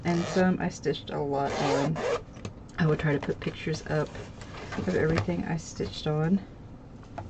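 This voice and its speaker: At her home craft table indoors, a woman who hosts a craft channel rambles casually through her stitching projects with many ums and restarts. Her voice sits low and is creaky, stuffy, and slightly nasal from congestion, with background noise behind her.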